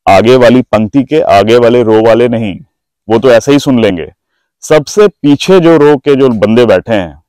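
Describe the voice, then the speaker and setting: A man's voice: mid-range voice, a little mellow, no room sound, poor audio. Dry-voiced male presentation trainer. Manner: drawn-out, stressed words when demonstrating emphasis. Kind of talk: instructional talk.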